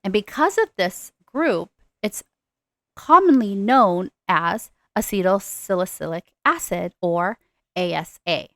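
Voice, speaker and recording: Woman teaching nursing pharmacology, slow and careful, leans on key terms, dead dry sound. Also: mid-range voice, animated, no room sound. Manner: deliberate, explanatory, stresses key terms. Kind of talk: recorded lecture.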